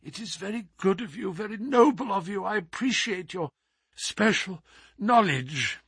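A man voicing a brilliant, feverish male detective who speaks crisply and urgently. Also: high voice, lively intonation, measured pace, fairly bright tone, dry recording, studio quality, pitched above the performer's own voice, full character voice. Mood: feeble.

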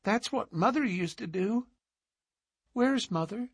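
A small girl of five, earnest and innocent, speaking in a hushed, serious lilt with a husky edge, as a man reading a story puts her on. She sounds far higher than an adult, in a dry close recording. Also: expressive, slow pace, no echo, exaggerated voice. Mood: grave. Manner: soft, hushed, grave childish lilt.

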